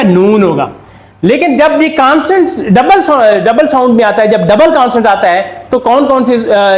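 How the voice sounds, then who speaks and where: Man, Pakistani Urdu accent, step-by-step lesson, drops pitch at ends of points, echoey room. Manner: explains step by step, asks and answers own questions. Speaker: Korean language teacher. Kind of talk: classroom-style lesson.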